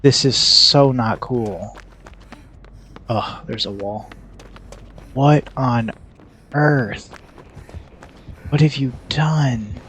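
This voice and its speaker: Slow-talking man streaming a game. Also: medium pitch, breathy edge. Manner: chatty, reacts loudly and reads chat aloud. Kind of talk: live gameplay commentary.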